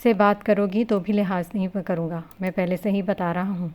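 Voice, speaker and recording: A woman's voice: mid-range voice, fairly even intonation, darkish tone, lightly acted. A woman doing a cold, bossy young husband. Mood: cold scolding. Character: blunt young husband, sharp-tongued and cold. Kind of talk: novel reading with character voices.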